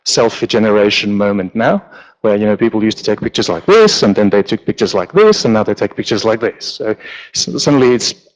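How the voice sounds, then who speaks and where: A man from Finland, a lighting designer giving a relaxed, joking conference talk with many ums, on stage in a large auditorium. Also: on the low side, fairly quick, poor audio. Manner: relaxed, joking, with frequent fillers. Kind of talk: conference presentation.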